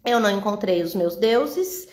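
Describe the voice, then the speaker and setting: A woman's voice: medium pitch, expressive, moderate pace, a little mellow, reverberant, natural voice. Stubborn older guy insisting it's all his, grudging, lady telling it in a story. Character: stubborn older man claiming his property.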